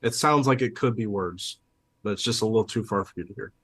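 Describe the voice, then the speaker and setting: A man narrating and making rulings as game master, in a relaxed, easygoing way. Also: on the low side, fast, no echo.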